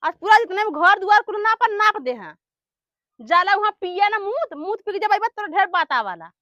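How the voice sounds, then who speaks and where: A woman playing an exasperated village wife who loudly nags and complains, in a comedy sketch, with an eastern Uttar Pradesh Awadhi accent. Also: very high-pitched, expressive, moderate pace, dry recording, exaggerated voice. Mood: angry scolding. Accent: eastern Uttar Pradesh, Awadhi-Bhojpuri. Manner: loud, nagging, complaining. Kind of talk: rural comedy sketch acting. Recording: dull lo-fi video sound.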